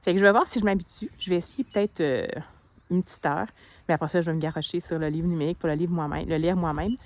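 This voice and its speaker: Chatty Québécoise vlogger, low voice. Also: female voice, fast. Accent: Québécois French. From Quebec. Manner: chatty, explanatory. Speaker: book vlogger. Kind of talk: casual vlog chat. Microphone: handheld phone.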